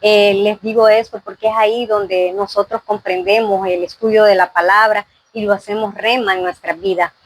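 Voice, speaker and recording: A woman's voice: mid-range voice, fairly even intonation, normal speed, few pauses, rough recording. A woman giving an earnest faith testimony in an interview, full of fillers and "¿verdad?".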